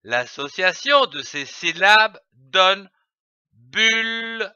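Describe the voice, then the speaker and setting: A man teaches early reading at a very slow, deliberate pace, sounding out each letter and syllable for young children. His voice is bright and fairly high, and it rises and falls in a lively way. The sound is dry and a little dull. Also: dry recording.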